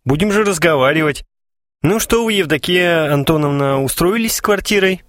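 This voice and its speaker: A man's voice: a little high, animated, moderate pace, fairly bright tone, no echo, clean studio sound, voice pushed up. A man voicing a moody, jealous young man who has just come into money, speaking in an earnest, brooding way. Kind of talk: audiobook character voice.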